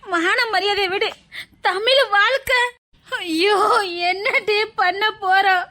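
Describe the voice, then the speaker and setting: A woman's voice: very high voice, slow, pushed and bright, full character voice. A woman with a Tirunelveli accent voicing a frightened, pleading young village woman in an audio drama. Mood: panicked. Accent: Tirunelveli Tamil. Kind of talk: dialect audio drama acting.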